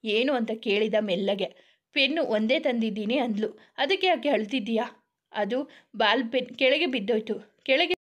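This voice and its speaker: A woman reading a romantic family story aloud as narrator, voicing the characters' dialogue in her own voice with little change. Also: a little high.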